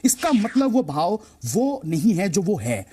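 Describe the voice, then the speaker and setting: A man's voice: high voice, big pitch swings, unhurried, mellow, a little hiss or hum. A man appearing as a stock market expert on a TV show, explaining emphatically and repeating key phrases for effect. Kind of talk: explaining to a TV host.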